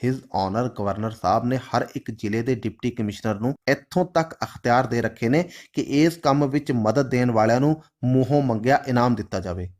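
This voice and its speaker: A man voicing a stern, formal male official who speaks in a measured, lawful way. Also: mid-range voice, darkish tone, close to an everyday voice. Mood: coaxing. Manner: formal, measured, Urdu-flavored phrasing.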